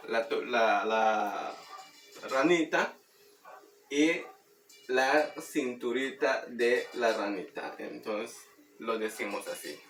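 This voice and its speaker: A man teaching Maya words through a children's song, speaking slowly and patiently and repeating words for practice. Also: mid-range voice, pushed and bright. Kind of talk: explaining and demonstrating a children's song. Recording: roomy, distant mic, faint background noise.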